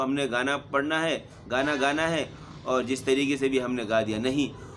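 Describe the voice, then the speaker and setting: A middle-aged man teaching Quran recitation, explaining steadily and then sounding out single letters loudly again and again. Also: mid-range voice, slight background noise. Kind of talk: spoken Quran pronunciation lesson.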